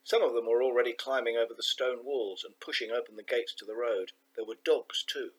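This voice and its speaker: A man narrates a children's novel in a measured, expressive reading. His husky voice sits at a middling pitch, and he slows down on key moments for emphasis. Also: rough recording. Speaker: audiobook narrator.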